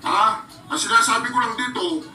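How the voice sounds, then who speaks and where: A man's voice: very high-pitched, normal speed, pushed and bright, echoey room. A man hosting a vlog, taunting and mocking a clip as he reacts to it, heard from a distant mic with music behind. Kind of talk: political reaction commentary.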